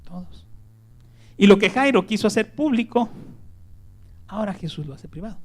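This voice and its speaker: A man preaching a sermon as pastor. He jumps from loud emphasis to hushed whispers, repeats words and keeps asking "¿verdad?". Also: sits high, lively intonation, normal speed.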